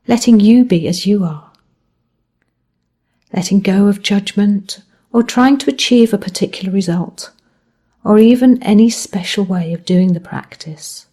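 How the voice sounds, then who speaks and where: A mindfulness teacher, a woman, guides listeners through a body scan in a mid-range voice. Her tone is mellow and soft-edged with a husky, breathy texture. Each phrase comes gently and carefully, its ending fading away softly.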